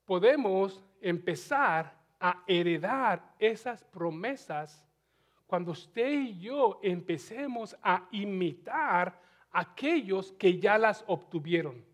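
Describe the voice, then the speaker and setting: A man's voice: expressive, takes it slowly. A man preaching a sermon, putting questions to the congregation and rising in fervor as he urges them on. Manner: rising to a fervent pitch when urging the congregation; asks the audience questions and restarts phrases.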